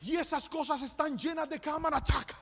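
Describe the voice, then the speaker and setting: High-voiced preacher in a reverberant hall. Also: male voice, fairly quick, slight background noise. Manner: preaching with sung, shouted climaxes and storytelling asides. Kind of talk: sermon.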